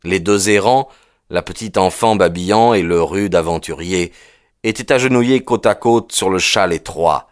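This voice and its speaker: A man reads a story aloud with measured, dramatic pacing. His voice is very low, and the sound is dry and close with no room around it. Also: smooth, no echo. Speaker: narrator. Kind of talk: scripted audiobook narration.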